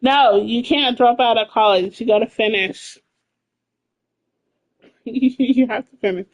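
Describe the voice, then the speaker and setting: Woman, late thirties, game streamer, casual chat, swears a lot, laughs often, slightly high-pitched. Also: slow, poor audio. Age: 30s.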